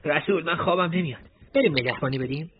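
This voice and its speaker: A man voicing a young teenage fighter who talks in urgent, hushed tones, in a radio-style story reading. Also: fairly high pitch, a little hiss or hum, close to an everyday voice. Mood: restless. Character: young male teen fighter defending a city. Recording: tinny phone-like lo-fi audio.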